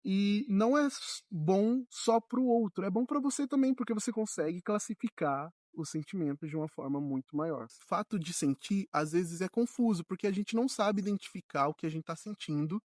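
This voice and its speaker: Young Brazilian man, casual heartfelt solo talk, slightly high voice, dry close sound. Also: normal speed, hardly any pauses, darkish tone, dry recording. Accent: Brazilian Portuguese. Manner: earnest, informal, swears freely. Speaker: solo podcaster.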